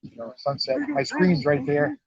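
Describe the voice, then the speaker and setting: This casual on-site interview features a middle-aged man who owns a garage and presides over a car club, speaking in a relaxed, folksy manner outdoors at an evening car show. His fairly high voice is sing-song at a normal speed, and the live stream sound is dull and lo-fi.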